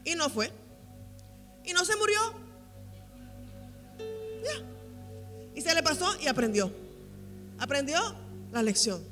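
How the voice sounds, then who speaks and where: Female pastor preaching with emphatic repetition; tense, bright delivery in an echoing church hall. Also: sits high, sing-song, slow, pauses often. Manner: emphatic, repeats key phrases for weight. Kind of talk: sermon at a women's conference. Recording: reverberant hall with faint music.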